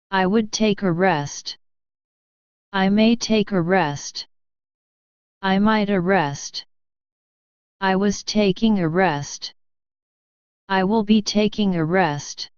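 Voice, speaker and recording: A woman reading practice sentences aloud one by one for a lesson, slow and deliberate. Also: mid-range voice, darkish tone, clean tone, dry recording. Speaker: pronunciation model reader. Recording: dull dry lo-fi audio.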